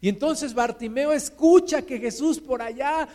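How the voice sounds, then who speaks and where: A man's voice: extremely high pitch, a little slow, darkish tone. A man preaching a sermon, earnest and encouraging, with dramatic retellings of a story. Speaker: pastor. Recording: echoey hall.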